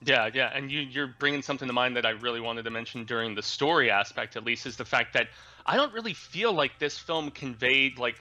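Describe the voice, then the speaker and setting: A man with a strikingly bright, crisp-edged tone co-hosts a casual movie review, at a middle pitch. He is eager and agreeable, quick to chime in and back up his partner. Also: faint music behind. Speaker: co-host of a horror movie review show.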